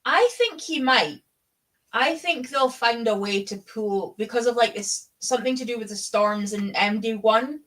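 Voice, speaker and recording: Her voice is a little high and fairly bright, and she talks a bit slowly. She's a Scottish host of a live readalong, chatting about books in an easygoing, fannish way with the odd swear word thrown in.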